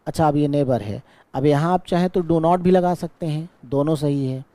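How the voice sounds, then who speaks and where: A male teacher, patiently explaining an exam-prep grammar lesson. He keeps checking in with his class and stretches out his English example sentences very slowly. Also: fairly high pitch, dark tone, no echo.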